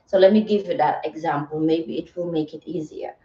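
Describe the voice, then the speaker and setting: Her voice is deep, steady and mellow, moving a little fast, as this livestream host gives a motivational talk. She stays soothing, earnest and reflective, often checking in with listeners through "right?" and "okay." Sound is slightly muffled, with roomy echo from a distant microphone.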